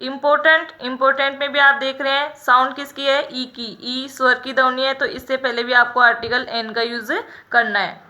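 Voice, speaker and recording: A woman teaching English grammar in a lesson, explaining each example slowly and repeating the rule. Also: sits high, level tone, pushed and bright. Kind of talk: classroom-style grammar lesson.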